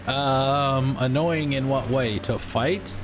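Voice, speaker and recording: A man giving casual gameplay commentary, thinking aloud in an unhurried way as a streamer. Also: medium pitch, over music. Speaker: game streamer. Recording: game noise behind the voice.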